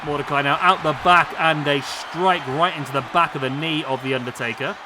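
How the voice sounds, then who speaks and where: A male gaming YouTuber calls a simulated wrestling match briskly and excitably, with bursts of exclamation. His slightly high voice is hoarse and fading. The noisy recording has clear background noise under the voice.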